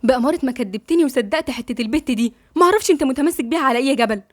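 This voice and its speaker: A woman's voice: sits high, expressive, racing, no echo, studio quality. A woman with an Egyptian accent voicing a sulking, possessive middle-aged mother who scolds insistently. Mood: scolding.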